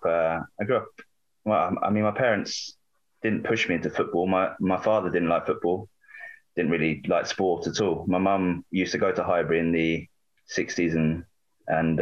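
A southern English man in his late thirties speaks in a very deep voice. He wanders off on tangents, restarts himself often and talks things through aloud. His voice comes over a dull, lo-fi remote line. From England. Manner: rambling, self-correcting, digressive. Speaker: author and guest. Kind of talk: remote interview chat.

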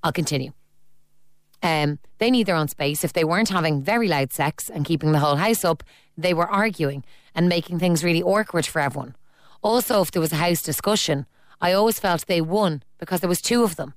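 A woman's voice: fairly low pitch, a little fast, no room sound. A woman hosting a casual radio phone-in, chatty and reading listener messages aloud. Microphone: studio microphone.

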